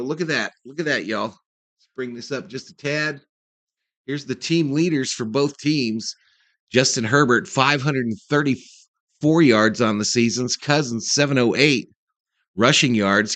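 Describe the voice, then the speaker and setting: Talking straight to his livestream audience, a male host offers loose, chatty commentary before the game. He has a medium-pitched, slightly bright voice, recorded without echo.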